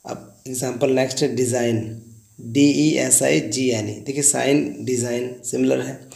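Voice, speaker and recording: A man's voice: medium pitch, creaky, darkish tone, echoey room. A man teaching an English lesson in Hindi, spelling words letter by letter and saying "guys" often.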